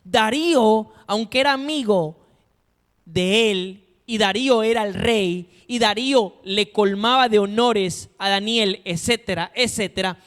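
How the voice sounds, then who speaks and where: A man's voice: sits high, unhurried, a bit bright, clear, resonant tone. A man preaching a sermon in a dramatic, emphatic way, asking his congregation rhetorical questions. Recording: long reverb of a hall.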